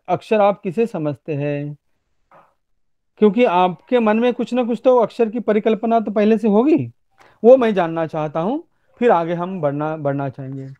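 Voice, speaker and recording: A man lecturing in an online webinar, slowly demonstrating sentences with careful pauses and often checking "okay?" with students. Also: high voice. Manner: slow, deliberate, pausing to demonstrate. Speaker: university Hindi lecturer. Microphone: online webinar audio. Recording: dull lo-fi webinar audio.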